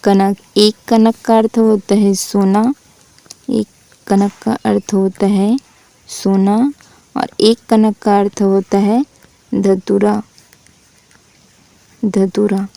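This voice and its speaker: Woman teaching in a flat, dry voice. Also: medium pitch, vocal fry, dry recording. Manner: drills with repeated questions and answers; recites verse examples slowly. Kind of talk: Hindi grammar lesson.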